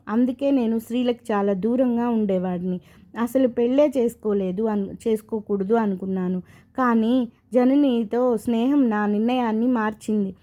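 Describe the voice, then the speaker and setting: A woman voicing a grieving young married man haunted by his past, told slowly and from the heart. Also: fairly high pitch, mellow, dull audio, lightly acted.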